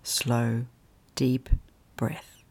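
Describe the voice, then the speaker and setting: A meditation guide leading a guided meditation in a calm, soft delivery with long pauses, sometimes dropping into a soft whisper. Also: mid-range voice, husky.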